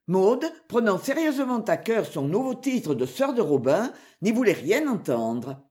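An audiobook narrator with a lively, animated voice that rises and falls through the sentences. The reading is measured and expressive, telling an old adventure tale at a steady, careful pace. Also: mid-range voice. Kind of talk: scripted narration of a classic adventure novel.

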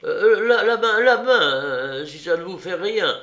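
A man's voice: high voice, animated, measured pace, gravelly, voice pushed up, exaggerated voice. A man voicing a fussy, fearful older commander who talks in an anxious, fretful way in a storybook reading. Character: fussy, fearful old commander, easily alarmed. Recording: roomy echo.

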